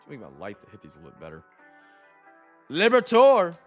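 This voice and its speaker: A man hosting a live trading card break, rattling off player names with excited bursts. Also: very deep voice, very fast, soft background music.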